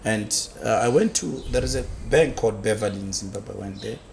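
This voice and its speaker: A man from South Africa, a construction business founder, telling his life story as an interview guest, haltingly, with many fillers and repeated words. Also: lowish voice, gravelly, a little mellow, slight background noise.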